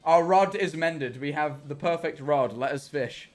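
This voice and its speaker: Young male streamer, casual chat, rambles and backtracks, slightly raised pitch. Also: measured pace, faint music behind. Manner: rambling, self-correcting, swears freely. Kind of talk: casual livestream chat while gaming.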